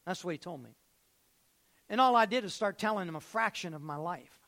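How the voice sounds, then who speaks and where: A man's voice: high-pitched, expressive, fairly quick, pushed and bright. A man preaching a sermon as pastor in a church, emphatic and repeating phrases, with joking asides. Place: church sanctuary.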